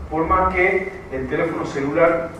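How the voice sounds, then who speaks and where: A man's voice: a little high, normal speed, fairly bright tone, slight background noise. A man with an Argentine Spanish accent teaching a writing class. He explains step by step, repeats his points and keeps checking that students follow. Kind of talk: classroom lecture. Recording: far-off echoey classroom recording.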